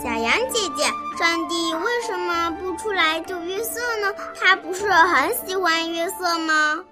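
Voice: extremely high pitch, measured pace, over loud music. A small child figure in a children's audio story, politely and inquisitively putting questions to the storyteller. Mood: curious.

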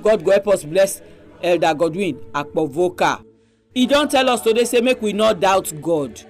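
Male host, high voice, Nigerian Pidgin accent, emphatic conversational preaching, faint music behind. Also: expressive, normal speed. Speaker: religious radio programme host. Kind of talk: preaching programme sign-off in Pidgin.

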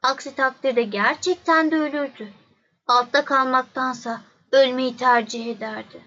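A woman voicing the little prince, a polite and lonely young boy, speaking softly and earnestly in a storybook reading. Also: sits high, moderate pace, muffled recording. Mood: sad.

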